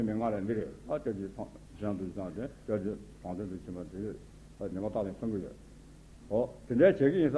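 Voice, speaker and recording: A man, a Buddhist teacher, giving an informal spoken commentary on a religious text in short, conversational phrases. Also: medium pitch. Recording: tinny phone-like sound with faint noise.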